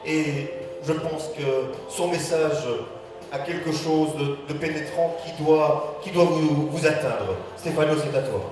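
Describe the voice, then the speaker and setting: Echoey male cabaret host, fairly high voice. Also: unhurried. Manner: chatty, hesitant, repeats words as he goes. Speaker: cabaret master of ceremonies. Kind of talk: live stage announcements. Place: cabaret stage in a hall. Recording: echoey hall, slightly distant microphone.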